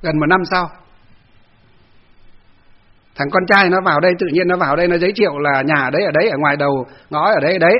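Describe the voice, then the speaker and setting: A Buddhist monk gives a dharma talk, telling a personal story in a loose, chatty way with many fillers and acted-out quarrels. His voice sits high for a man. The recording sounds dull and lo-fi. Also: fast talker, long pauses.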